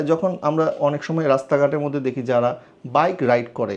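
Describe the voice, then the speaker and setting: A man's voice: on the high side, darkish tone. A man preaching an Islamic sermon in an earnest, admonishing way, asking rhetorical questions. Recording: dull lo-fi recording.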